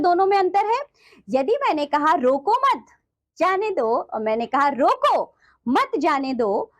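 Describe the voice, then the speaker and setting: A woman teacher gives a grammar lesson to children with a high, bright-pitched voice. Her pitch rises and falls a great deal as she talks. She explains patiently, keeps calling the class "children", and leans on her example sentences. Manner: stresses example sentences to show meaning.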